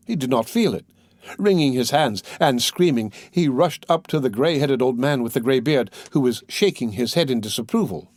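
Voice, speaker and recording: A man narrating a classic novel as an audiobook, reading in an expressive, dramatic way. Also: medium pitch, no echo.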